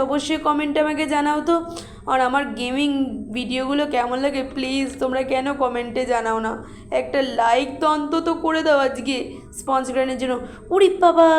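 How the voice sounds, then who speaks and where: A woman hosting a gaming channel, giving excitable, casual commentary on her gameplay and chatting to her viewers. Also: sits high, reverberant. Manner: excitable, quick exclamations and talking to viewers.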